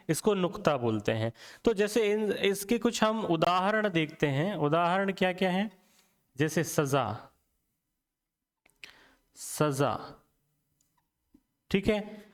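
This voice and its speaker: A man's voice: a little high, smooth, big-room sound. A man teaching a Hindi grammar lesson, asking the class questions and answering them himself, often checking in with "theek hai".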